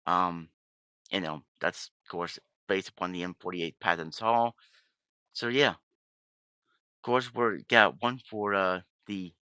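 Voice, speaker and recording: A man's voice: lowish voice, bright, forceful tone, clean tone, no room sound. A man hosting casual gaming commentary with a sick voice, rambling along and often correcting himself. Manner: rambling, with frequent self-corrections. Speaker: gaming channel host.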